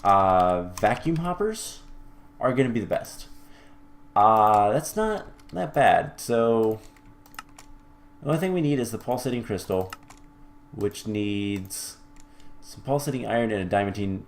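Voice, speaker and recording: Low-voiced man narrating gameplay, thinking aloud. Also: lively intonation, unhurried, long pauses. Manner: thinks aloud with many fillers and restarts; mildly wry, self-correcting. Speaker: let's-play host. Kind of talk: casual gameplay commentary.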